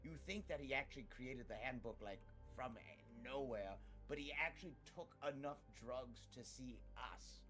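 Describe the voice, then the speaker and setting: A man's voice: mid-range voice, fairly bright tone. A man hosting a live stream, chatting casually and rambling through mock-grand stories with friends. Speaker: streamer host.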